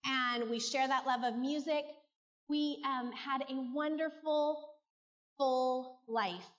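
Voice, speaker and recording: In a muffled recording from an echoey large hall, a middle-aged Californian woman shares her personal story with a church congregation, candid and heartfelt. She speaks slowly in a high voice with fairly even intonation.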